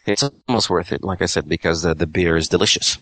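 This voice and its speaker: A man's voice: deep voice, steady tone, quick pace, fairly bright tone, dry recording. A man telling a rambling story in casual chat, full of fillers and restarts, heard over an internet call. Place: Quebec home over a call. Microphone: internet call audio.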